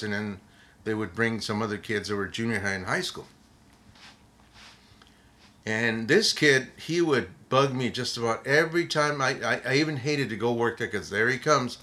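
An older man, a retired police officer, telling a funny story from the job in a casual, animated way, often repeating words. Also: medium pitch, moderate pace.

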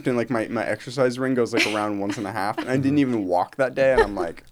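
A man's voice: medium pitch, fast, a loud crowd. A young man hosting a casual podcast, joking and playful, with lots of "like.". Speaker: podcast host.

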